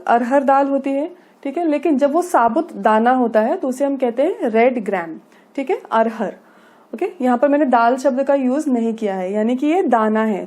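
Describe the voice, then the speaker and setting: A woman with an Indian accent leads a classroom video lesson as an English trainer. She explains each point patiently and keeps checking in with the listener as she goes. Her voice sits a little high, with a dark, mellow tone. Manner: explains patiently, often adding "ठीक है" and "okay" as check-ins.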